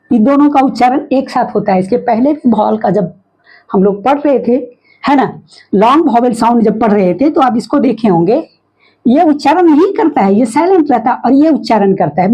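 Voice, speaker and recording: A woman teacher explaining phonics in a patient lesson, sounding out letters slowly and asking the class questions. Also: high voice, warm tone, husky, highs cut off.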